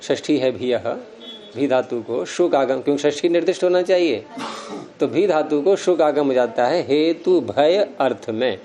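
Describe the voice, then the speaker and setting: Guy teaching grammar in a classroom, kinda high but mellow voice, keeps asking the students stuff. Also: animated, moderate pace. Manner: explains step by step, quizzes students. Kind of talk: classroom lecture.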